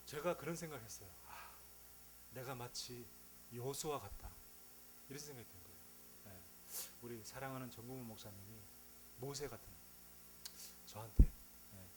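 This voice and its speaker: A man's voice: mid-range voice, normal speed, long pauses, noisy background. A male pastor giving a conversational, humorous sermon full of rhetorical questions.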